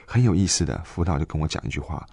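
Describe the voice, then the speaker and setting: A man in his twenties telling a personal faith story in an interview, earnest and halting, with many fillers and restarts. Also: a bass voice, lively intonation, gravelly, mellow, breathy edge, no echo. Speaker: guest giving a faith testimony.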